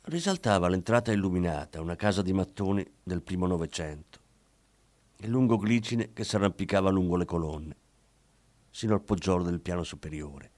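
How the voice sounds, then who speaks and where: A man reading a crime story aloud in measured, expressive scripted narration. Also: sits low. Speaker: audiobook narrator. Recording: faint background music.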